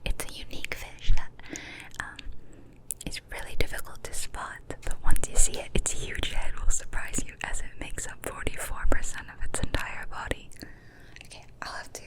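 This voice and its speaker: A woman's voice: moderate pace, poor audio. Young woman, ASMR host, unvoiced cupped-hand whisper, extremely close mic, small indoor room. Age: young adult. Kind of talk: whispered ASMR, reading fun facts.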